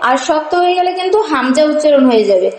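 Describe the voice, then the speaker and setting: A woman teaching Quran reading, spelling out syllables slowly and then explaining the rules briskly. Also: sits high, very animated, darkish tone. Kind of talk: slow spelled-out recitation lesson. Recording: echoey room with long reverb.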